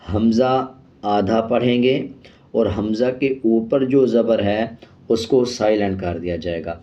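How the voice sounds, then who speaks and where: A man teaching Quran reading, spelling out syllables very slowly with drawn-out sounds, then explaining the rules more quickly and quietly. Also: on the low side. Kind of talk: slow spelling-out lesson with drawn-out recitation. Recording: slightly dull lo-fi sound.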